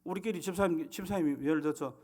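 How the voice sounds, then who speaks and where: A man's voice: on the high side, fast talker, dark tone. A male pastor with a Gyeongsang accent preaching a humorous, conversational sermon. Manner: humorous, conversational, acting out scenes.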